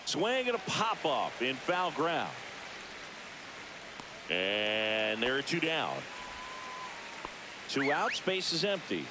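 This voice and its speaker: A man's voice: medium pitch, big pitch swings, takes it slowly, long pauses. A man playing a baseball play-by-play announcer, calling the game radio-style in clipped, punchy calls over noisy ambience. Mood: focused, animated. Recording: noisy stadium ambience behind voice.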